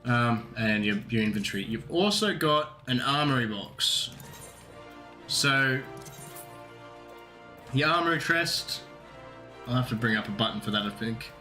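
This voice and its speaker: A man's voice: medium pitch, lively intonation, unhurried, long pauses, bright, forceful tone, soft background music. A man streaming a game playthrough, talking casually and rambling, often restarting and correcting himself.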